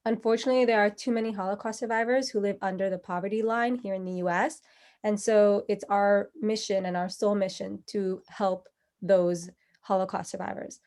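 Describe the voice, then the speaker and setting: A woman welcomes everyone to a virtual event over a video call, friendly and a little informal. Her voice sits at a middle pitch for a woman. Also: steady tone, brisk, darkish tone. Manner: friendly, slightly informal with fillers. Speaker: host of a charity event. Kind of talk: event introduction.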